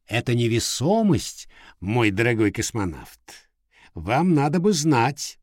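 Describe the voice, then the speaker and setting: A man voicing a calm, kindly middle-aged professor in a read-aloud storybook, speaking in a measured, reassuring way. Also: medium pitch, dry recording, studio quality.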